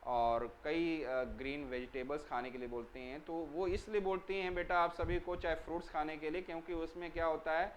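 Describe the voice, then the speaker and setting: A man's voice: fairly high pitch, slight background noise, poor audio. Man teaching children, spelling words out. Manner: repeats key words as questions to the class and answers them himself; spells words out slowly letter by letter. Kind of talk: explanatory lesson for children.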